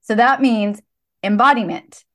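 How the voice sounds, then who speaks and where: A woman's voice: a little high, a little slow. Encouraging woman podcast host. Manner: encouraging, coaching tone. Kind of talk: casual podcast chat.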